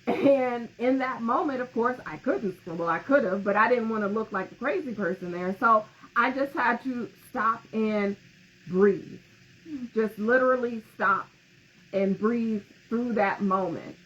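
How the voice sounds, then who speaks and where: Gentle, instructive higher-pitched woman. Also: unhurried, highs cut off. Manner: gentle, instructive, often laughing. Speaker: podcast co-host. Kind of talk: casual podcast conversation.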